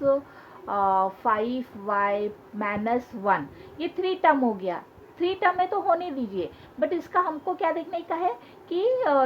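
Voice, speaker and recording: Patient woman teaching maths, slightly high voice. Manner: patient, repeats key points with questions. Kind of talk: classroom maths lesson. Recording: dull lo-fi sound with faint hiss.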